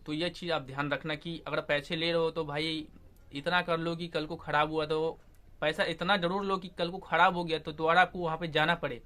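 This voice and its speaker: A man's voice: a little high, pushed and bright. A young man, an AC technician, giving casual advice to his viewers in a chatty way, often checking in with them. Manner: chatty, repeats "theek hai doston" and "aisa hai". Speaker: AC technician vlogger.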